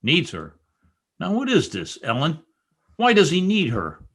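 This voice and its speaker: An actor playing Heathcliff, a brooding and bitter lover, in an old-time radio drama with an impassioned, theatrical delivery. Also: male voice, a little high, wildly swooping pitch, measured pace, fairly bright tone, breathy edge, full character voice. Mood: urgent, demanding. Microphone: recorded remotely over video call.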